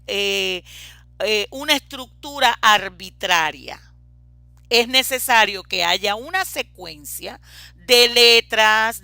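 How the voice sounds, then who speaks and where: A woman lectures in a bright, rather high voice, talking slowly and methodically as she explains each point. She pauses on hesitant fillers now and then. The sound is dry and close, with no room around her. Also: no room sound. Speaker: teacher. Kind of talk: lecture on reading and writing.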